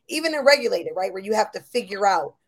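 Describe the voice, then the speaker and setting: A woman's voice: mid-range voice, sing-song, fast. A woman from Buffalo, New York, hosting a podcast in casual conversation, chatty and affirming with lots of fillers. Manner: chatty, affirming, full of you-know fillers. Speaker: podcast host.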